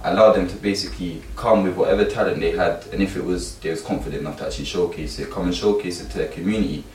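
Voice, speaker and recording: A man with a London accent, a youth mentor and course teacher, chats casually in emphatic street slang. His low, darkish voice races along, and the roomy recording comes from a distant mic with faint background noise.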